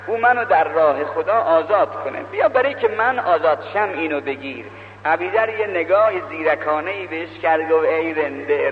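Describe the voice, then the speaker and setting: A man preaching a sermon, telling a story as a string of quoted exchanges and speaking straight to his listeners. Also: high-pitched. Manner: retells dialogue with many "he said" turns; exhorting the listeners directly. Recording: echoey hall, dull lo-fi with faint hum.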